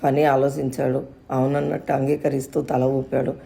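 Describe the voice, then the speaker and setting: A woman reading a scripted audio story in a steady, emotive way. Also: a bass voice, normal speed, creaky.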